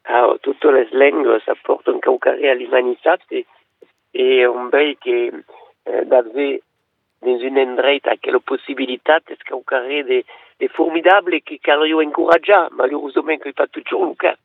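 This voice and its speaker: A man's voice: medium pitch, steady tone, normal speed, gravelly, dry recording. A man speaking as a radio guest, talking in a hesitant way and mixing French with Occitan, heard over a phone line. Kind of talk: radio interview.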